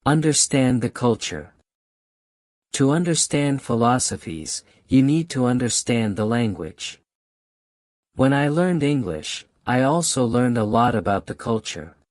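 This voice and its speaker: Speaking to camera, a native Cantonese-speaking man with a Hong Kong accent delivers emphatic motivational advice on language learning as a channel host, returning again and again to key phrases. His mid-range voice has a slightly mellow quality, captured in studio quality without echo.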